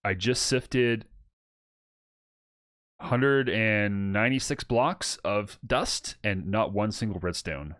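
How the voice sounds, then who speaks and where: A man's voice: lowish voice, lively intonation, slow pace, fairly bright tone, dry recording, clean studio sound. A man hosting a casual co-op game session, playful and mock-grumpy, laughing as he plays. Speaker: gaming channel host. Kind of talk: casual co-op gameplay chat.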